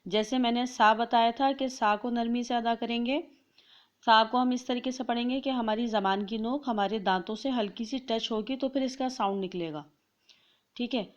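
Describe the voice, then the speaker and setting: A woman's voice: a little high, steady tone. Woman teaching pronunciation, dull lo-fi sound. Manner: draws out each letter slowly for children to copy. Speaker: Quran reading teacher. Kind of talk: slow instructional pronunciation lesson.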